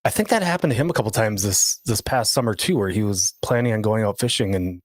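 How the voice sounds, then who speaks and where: A man's voice: fairly low pitch, expressive, quick pace, no echo, clean studio sound. A man in his forties co-hosting a podcast, chatting casually in a rambling, self-mocking way. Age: 40s. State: sore foot. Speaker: podcast co-host. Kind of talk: casual chat.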